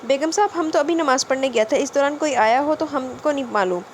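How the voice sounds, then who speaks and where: A woman's voice: sits high, slight background noise, natural voice. A woman voicing a male household watchman who speaks with broken, rustic grammar. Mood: anxious.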